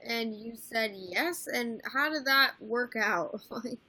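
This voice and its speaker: A woman's voice: a little high, slow, sharp tone, low-quality recording. A woman in her twenties hosting a casual livestream chat, blunt and swearing freely, squealing when grossed out. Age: 20s. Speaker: livestream host.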